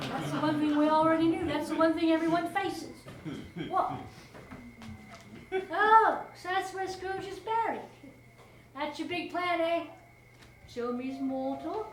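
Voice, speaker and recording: A woman's voice: extremely high pitch, slow pace, long pauses, fairly bright tone, full character voice. An actress playing a chatty, irreverent charwoman on stage, laughing often as she talks to a silent listener. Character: chatty middle-aged charwoman, cheeky and irreverent. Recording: echoey stage sound from far off, faint hiss.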